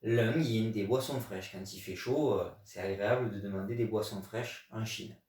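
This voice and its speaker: A man's voice: lowish voice, moderate pace, a little mellow, far from the mic. Man from France, language teacher, patient and explanatory, echoey room, set back from the mic. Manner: patient, explanatory, emphatic on key words. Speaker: Chinese teacher. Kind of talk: video language lesson.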